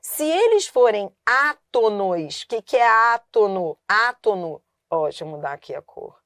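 A woman's voice: mid-range voice, big pitch swings, normal speed, a bit bright, dry recording, clean studio sound. Woman teaching grammar, stressing syllables. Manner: explains patiently, repeats and stresses key syllables. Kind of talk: online exam-prep lesson.

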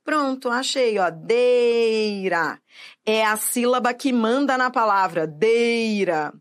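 A woman's voice: on the high side, fairly bright tone. A woman teaching Portuguese grammar for exam prep, stretching words out and checking in with the viewer. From Brazil. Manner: didactic, drawn-out syllables, checks in with the viewer.

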